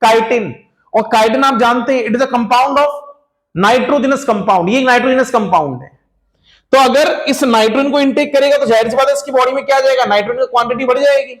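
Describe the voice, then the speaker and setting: A man's voice: extremely high pitch, brisk. A male teacher lecturing to a class. He keeps asking the class rhetorical questions, repeats key points, calls his students children, and mixes English terms into his speech.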